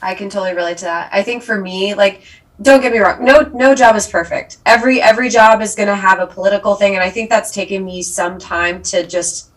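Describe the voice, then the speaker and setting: A woman's voice: mid-range voice, brisk, recorded from a distance, low-quality recording. A woman co-hosting a casual podcast chat, speaking earnestly and reflectively. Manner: earnest, reflective, searching for words. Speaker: podcast co-host.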